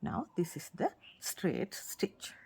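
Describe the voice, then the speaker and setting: A woman's voice: lowish voice, sing-song, takes it slowly, darkish tone, slightly rough, whispered. A woman with a Sri Lankan accent, a native Sinhala speaker, giving an informal step-by-step tutorial with simple, repeated phrasing. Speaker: craft tutorial host. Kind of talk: informal instructional demonstration.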